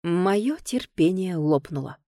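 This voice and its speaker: A woman reading a first-person audiobook in a lively, expressive way. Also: on the low side, takes it slowly, no room sound, clean studio sound. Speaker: audiobook narrator.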